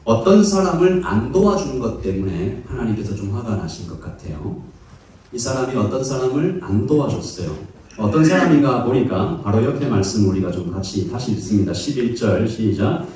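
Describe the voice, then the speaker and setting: A man's voice: medium pitch, big pitch swings, normal speed, a little mellow. A man preaching a sermon in a conversational, lightly joking way, acting out bits of dialogue. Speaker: pastor. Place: church hall. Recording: echoey hall, mic far off.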